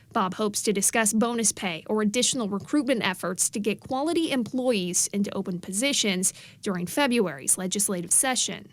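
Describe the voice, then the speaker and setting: A woman reporter reading scripted news narration in a measured, emphatic way. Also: medium pitch, dry recording.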